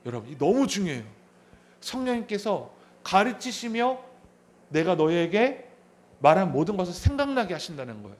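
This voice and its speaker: In a church sanctuary, a pastor in his thirties preaches a sermon, posing questions to the congregation and repeating key phrases. His voice sits high and a little mellow, very animated, at a normal speed.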